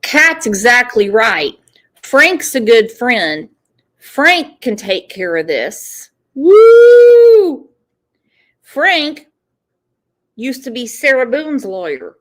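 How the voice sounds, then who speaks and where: A woman delivers casual true-crime commentary in a slightly high voice. She takes her time, stretching words out for mocking, disdainful emphasis. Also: sing-song, takes it slowly, sharp tone. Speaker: host reacting to recorded calls.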